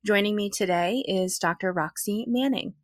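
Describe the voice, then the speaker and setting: A woman hosts an interview podcast, asking thoughtful questions in a conversational manner. Her mid-range voice moves at a normal speed, and the clean studio recording has no echo.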